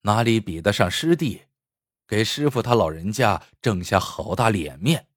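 A man voicing a humble but dignified craftsman who answers in a calm, measured way. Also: fairly low pitch, no room sound, clean studio sound, voice pushed down. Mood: restrained.

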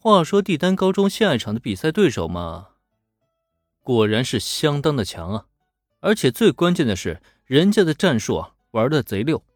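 A man's voice: mid-range voice, normal speed, no room sound, clean studio sound. A man narrating a serial story in a chatty, colloquial manner. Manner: chatty, animated, colloquial asides. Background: faint background music.

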